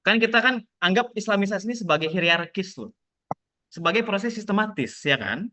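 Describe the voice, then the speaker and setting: A man's voice: high voice, animated, brisk, bright, forceful tone. A young man, a lecturer, teaching a casual online class over a video call, joking and acting out the nosy questions of relatives.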